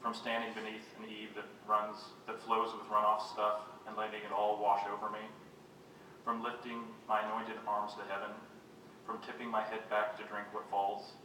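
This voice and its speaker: A man reads his own poems aloud at a live reading, measured and unhurried, with dry, self-mocking quips between pieces. His voice sits a little low but sounds bright and forceful. It is picked up from a distance in a very echoey room over a faint background hum. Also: monotone. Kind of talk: live poetry reading with joking asides. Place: reading venue with a live audience.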